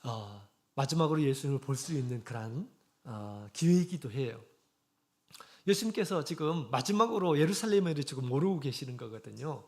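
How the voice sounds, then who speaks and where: A man preaching a sermon as the church's shepherd, speaking earnestly with many drawn-out pauses and fillers, and leading slow unison scripture readings. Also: medium pitch, lively intonation. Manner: frequent drawn-out fillers between phrases.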